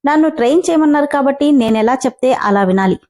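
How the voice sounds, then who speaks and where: A woman voicing a defiant, sharp-tongued young female employee who speaks in a cheeky, mocking, drawn-out way, in a storybook reading. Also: high voice, expressive, voice pushed up.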